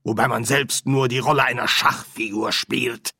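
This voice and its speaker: A man's voice: medium pitch, steady tone, moderate pace, gravelly, sharp tone, no room sound, clean studio sound, pitched above the performer's own voice. A man voicing a stern, bossy older female medium who gives curt orders. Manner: curt, commanding.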